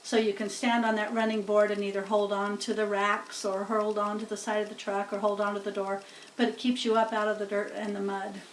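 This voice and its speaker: In a roomy home recording that sounds distant, with slight background noise, a woman reads a children's story aloud. Her medium-pitched voice is flat and brisk, yet the read-aloud narration is slow and plain, with casual asides explaining things as she goes.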